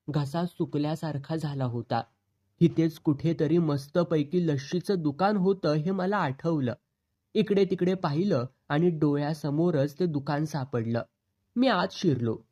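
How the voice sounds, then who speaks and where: A man narrating a novel in the first person, with expressive storytelling. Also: fairly high pitch. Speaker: audiobook narrator.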